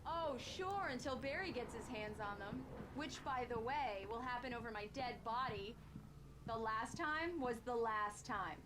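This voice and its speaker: A woman's voice: a little high, lively intonation, measured pace, noisy background. An actress playing a playful, affectionate young wife who teases her husband. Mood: wry. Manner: playful, teasing.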